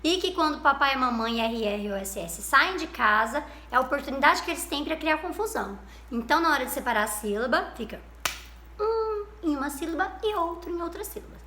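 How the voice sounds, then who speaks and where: A Brazilian Portuguese woman teaching small children in a high, sparkling voice. She talks in a patient, sing-song way, drawing out each syllable and cheering the class on. The room rings with a roomy echo. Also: expressive, fairly quick, pushed and bright, a little hiss or hum. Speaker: primary school teacher. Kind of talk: recorded remote lesson for young children.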